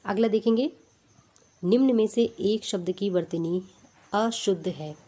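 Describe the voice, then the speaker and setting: Woman, teacher, slow unhurried delivery, mellow tone, repeats each word, step-by-step explanations. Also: mid-range voice. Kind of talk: exam-prep spelling lesson.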